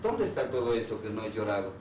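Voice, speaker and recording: A man, a therapist, giving an earnest public talk on anxiety and asking the audience one rhetorical question after another, with pauses between phrases. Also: lowish voice, very animated, a little mellow, a little hiss or hum. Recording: roomy hall sound from a distant mic.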